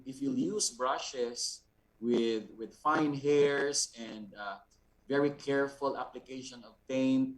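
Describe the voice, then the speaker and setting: A man with a Filipino accent and a medium-pitched voice teaches an art lesson, explaining deliberately, repeating words, and checking in with short tags. The sound is distant and off-mic.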